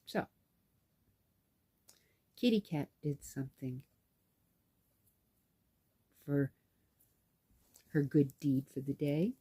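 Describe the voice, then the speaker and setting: A woman's voice: low-pitched, drawn-out words, pauses often, breathy edge, no echo. A woman vlogger casually telling a story in a chatty way, acting out what people said. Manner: chatty, animated, acts out dialogue. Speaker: knitting vlogger and caregiver.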